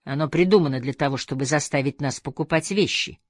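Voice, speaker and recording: A guarded, sharp-tongued young woman in a spoken novel, read by a woman. She speaks icily and briefly, low in pitch. The recording is dry and close. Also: a little fast, no echo. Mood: cool. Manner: icy, curt.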